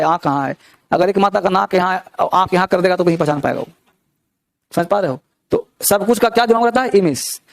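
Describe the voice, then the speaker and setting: High-voiced man teaching a grammar class. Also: no echo. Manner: explains step by step with many rhetorical questions. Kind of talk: classroom lesson.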